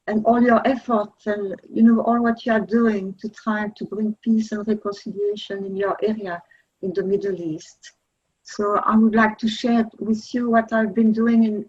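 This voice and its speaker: A woman's voice: medium pitch, a little mellow, slightly rough, muffled recording. A woman from Belgium, giving a polite, earnest conference presentation over a video call. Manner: polite and earnest, slightly non-native phrasing. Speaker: conference speaker. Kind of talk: presentation talk.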